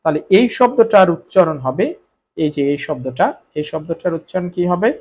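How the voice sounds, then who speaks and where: A man's voice: fairly high pitch, animated, a little fast, a little mellow. A Bengali-speaking man teaching Korean spelling rules, repeating each point and answering his own questions. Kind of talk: explaining grammar rules to students.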